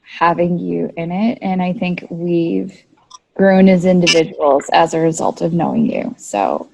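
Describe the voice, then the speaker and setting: Woman, podcast host, sincere, effusive, low voice. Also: unhurried, vocal fry, darkish tone, low-quality recording. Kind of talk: heartfelt interview closing.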